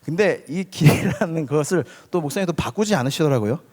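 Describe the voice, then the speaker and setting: Korean pastor preaching in a reverberant hall. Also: male voice, on the high side, expressive, brisk. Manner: conversational, often addresses listeners directly; swings between loud emphasis and soft near-whispers. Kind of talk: youth sermon. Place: church sanctuary.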